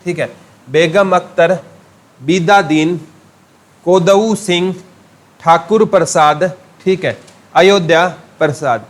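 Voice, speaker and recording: High-voiced man teaching a class. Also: slow pace, pauses often. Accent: Haryanvi. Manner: asks questions and answers them himself, calling listeners "beta". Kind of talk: classroom lecture with memory tricks.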